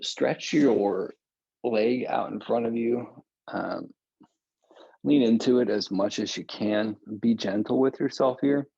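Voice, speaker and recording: A man calmly guiding breathing and stretching exercises from a meditation cushion at home, with casual asides. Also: mid-range voice, vocal fry, husky, no echo, lo-fi sound. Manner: slow, calm, relaxed with casual asides. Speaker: meditation and yoga guide. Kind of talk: guided breathing and stretching instruction.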